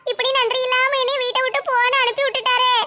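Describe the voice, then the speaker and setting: A woman's voice: very high voice, flat delivery, quick pace, pushed and bright. A woman playing an aggrieved young wife who pleads and complains in a family drama skit. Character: hurt, stubborn young wife, a daughter-in-law.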